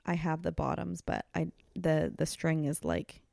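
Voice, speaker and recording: Gravelly woman near tears. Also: low-pitched, very animated, a little mellow, dry recording, clean studio sound. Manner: emotional, halting, many fillers. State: close to tears. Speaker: podcast guest. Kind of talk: casual chat.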